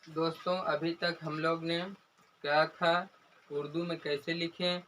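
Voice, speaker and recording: Man, fairly high voice, slow and repetitive teacher who keeps calling viewers friends. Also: level tone, a bit bright, slight background noise, low-quality recording. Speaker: language teacher. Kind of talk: unscripted lesson walkthrough.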